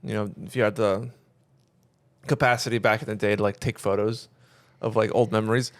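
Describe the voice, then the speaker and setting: A man's voice: fairly low pitch, flat delivery, brisk. A man co-hosting a podcast, easygoing and joking, with hesitant fillers. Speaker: podcast co-host. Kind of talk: casual chat.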